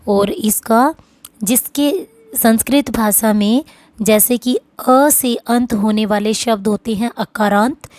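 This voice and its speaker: Woman teacher slowly explaining grammar, dry sound. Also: a little high, a little mellow, no echo. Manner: slow, deliberate explanation, recites word forms. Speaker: Sanskrit teacher. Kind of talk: classroom grammar lesson.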